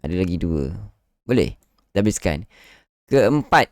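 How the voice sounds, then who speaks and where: A man's voice: low-pitched, sing-song, moderate pace, no room sound, studio quality. A man hosting a live online lesson on Quran recitation, explaining with frequent "ah" fillers and showing how words are stressed. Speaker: Quran recitation teacher and live show host.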